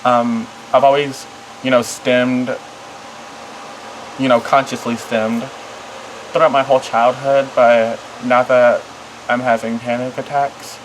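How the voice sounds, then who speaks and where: A vlogger talking casually and confessionally to camera in a halting, rambling, apologetic way that often trails off. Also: medium pitch, little pitch movement, slight background noise, low-quality recording. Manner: apologetic, self-conscious.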